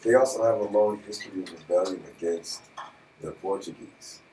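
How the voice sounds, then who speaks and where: Very deep-voiced joking radio man. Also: dark tone, roomy sound, far from the mic, slight background noise, rough recording. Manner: easygoing, quick to laugh and joke. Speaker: radio show co-host. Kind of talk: casual radio chat.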